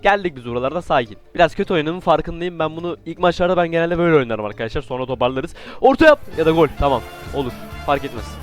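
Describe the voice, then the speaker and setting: Excitable young man doing gameplay commentary. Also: on the high side, quick pace, hardly any pauses, faint music behind. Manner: excitable, joking trash talk, sudden outbursts. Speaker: gaming YouTuber.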